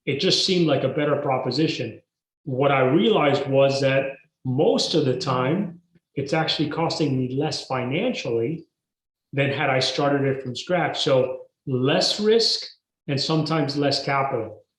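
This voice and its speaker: A man speaks as an interview guest. He tells his story in a measured, emphatic way and leans on key words. His voice sits in a mid range and carries a roomy echo. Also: mid-range voice. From Mexico. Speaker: guest entrepreneur. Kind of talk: podcast interview.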